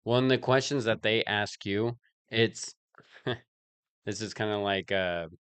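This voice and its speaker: A man's voice: on the low side, takes it slowly, fairly bright tone, clean tone, dry recording. A man in casual podcast chat, relating his own experiences in a thoughtful way. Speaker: podcast co-host.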